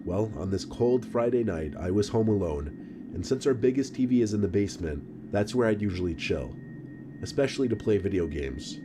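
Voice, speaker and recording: A man reading a scripted story in a calm, measured narration. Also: on the low side, background noise.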